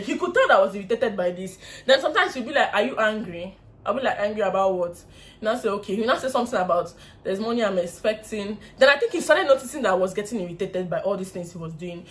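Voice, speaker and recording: In a casual storytime vlog, a young woman with a Nigerian English accent is animated and laughs a lot while mimicking others, speaking in a mid-range voice.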